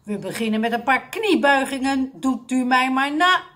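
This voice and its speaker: Woman doing a bossy shouting gym leader man. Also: high voice, lively intonation, moderate pace, pitched above the performer's own voice. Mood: bossy commands. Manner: shouting commands through a megaphone. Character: loud bossy male fitness leader, tireless.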